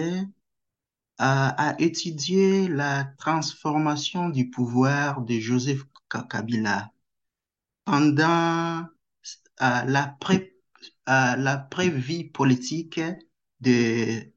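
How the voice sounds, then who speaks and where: A man who is a guest researcher answers interview questions slowly and hesitantly, with many pauses and fillers. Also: mid-range voice. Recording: dull lo-fi sound.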